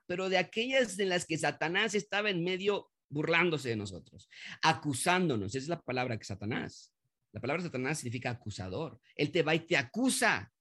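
A man preaching a sermon, his voice sitting somewhat high for a man. He speaks with animated emphasis and acts out the voices he quotes. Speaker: pastor.

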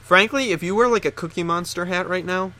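A man's voice: sits high, brisk, pushed and bright. A man co-hosting a podcast, chatting casually with jokey, rambling opinions. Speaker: podcast co-host. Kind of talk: casual chat.

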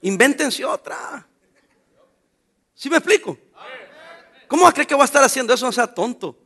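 An older Mexican pastor preaches with a very high, ringing voice and a sharp, forceful edge. He speaks in a Mexican Spanish accent and keeps firing rhetorical questions at the congregation. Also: expressive, normal speed, slightly rough. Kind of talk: sermon.

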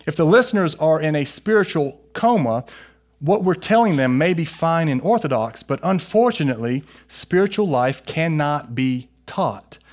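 A man's voice: fairly high pitch, lively intonation, normal speed. A man preaching a sermon as a pastor, earnestly exhorting his listeners and putting questions to them.

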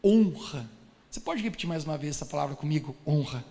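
High-voiced preacher, emphatic. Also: male voice, expressive, rapid-fire, gravelly. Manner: emphatic, addresses the congregation directly. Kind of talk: sermon. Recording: echoey church hall.

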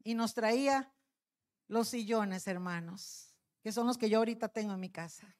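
High-voiced woman preaching testimony. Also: normal speed, a little mellow. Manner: storytelling, addresses congregation as brothers. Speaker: pastor's wife preaching. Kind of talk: testimony sermon.

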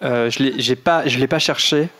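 A man's voice: mid-range voice, normal speed, fairly bright tone. A man co-hosting a casual podcast, talking chattily with frequent hesitations and restarts. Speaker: podcast co-host. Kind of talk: casual chat.

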